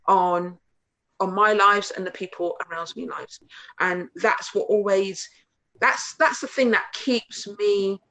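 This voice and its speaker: A woman's voice: mid-range voice, a bit bright, poor audio. Earnest woman host, emphatic repetition. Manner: earnest and emphatic, repeating phrases. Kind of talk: conversational interview.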